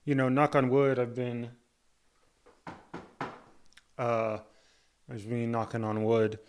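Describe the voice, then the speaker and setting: A man's voice: mid-range voice, steady tone, slow, darkish tone, slight background noise. Man talking through a tight, barely open jaw. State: mouth held tight by rubber bands after jaw surgery, talking with difficulty. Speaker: vlogger giving a surgery recovery update. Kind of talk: casual talk to camera.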